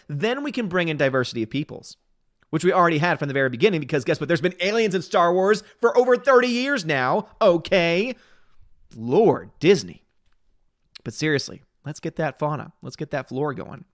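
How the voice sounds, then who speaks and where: A man's slightly high, sing-song voice carries a casual livestream as he reads viewer comments and gives his opinions. In his thirties, he's chatty and opinionated with quick asides, though he sounds a bit tired. Studio quality, no room sound.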